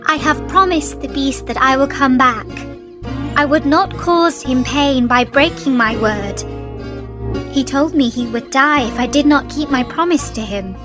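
A woman reading a storybook aloud, voicing a kind young heroine who speaks softly and earnestly. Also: sits high, a little slow, over music. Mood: earnest, gentle. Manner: soft, earnest and reassuring.

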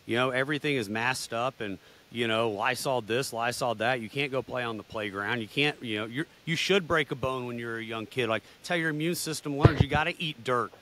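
A man's voice: medium pitch, a little fast, a bit bright. A man co-hosting an interview, talking in a casual, emphatic way.

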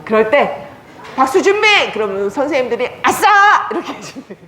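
A woman's voice: high voice, sing-song, moderate pace. A woman instructor leading older adults in a clapping and cheering exercise, calling out chants and cues in a cheerful, coaxing manner. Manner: cheerful chants and cues, talks down to elders warmly. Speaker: senior recreation instructor. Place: day care center activity room. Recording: echoey room, faint noise.

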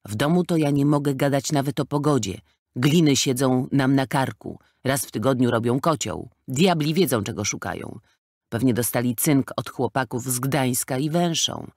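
A man's voice: mid-range voice, normal speed, a little mellow, no room sound, clean studio sound, close to an everyday voice. Man voicing a fat sly gangster. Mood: scornful. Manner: sly, scornful, hissing threats. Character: fat sly middle-aged male gangster.

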